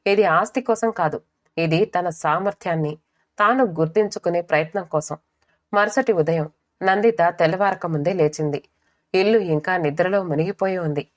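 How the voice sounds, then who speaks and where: A woman narrates an audiobook story at a measured, even pace. Her voice sits a bit low and stays steady throughout the storytelling. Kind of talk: scripted narration.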